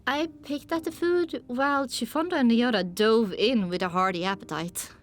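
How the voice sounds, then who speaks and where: A woman reading a first-person audiobook in measured storytelling. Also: on the high side. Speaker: audiobook narrator. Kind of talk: scripted first-person narration.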